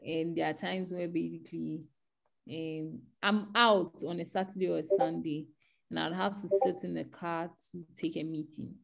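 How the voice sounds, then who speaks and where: A woman with a lowish voice and a gravelly edge speaks as a panel guest. She gives earnest advice and often starts her sentences over. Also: steady tone, moderate pace. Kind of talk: online panel discussion.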